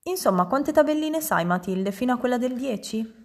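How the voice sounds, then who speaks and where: A woman voicing a kind young female schoolteacher in an audiobook reading, with a bright, encouraging tone. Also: fairly high pitch, lively intonation, moderate pace, voice pushed up. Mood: amazed.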